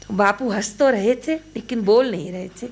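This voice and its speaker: A woman's voice: medium pitch, normal speed, husky. A woman giving a spiritual storytelling talk. She narrates anecdotes about a guru and voices the dialogue of the people in them. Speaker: devotional storyteller.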